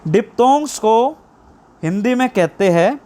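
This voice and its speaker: High-voiced man teaching a lesson. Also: lively intonation, mellow, slight background noise. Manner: explains slowly, repeats key terms as questions; drawn-out stress on English terms. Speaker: shorthand teacher. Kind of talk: online lesson.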